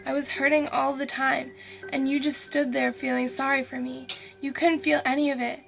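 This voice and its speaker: A woman voicing a dead young boy who talks in a hushed voice, bitter and growling with hatred. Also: high-pitched, level tone, normal speed, creaky, faint music behind, poor audio. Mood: hateful.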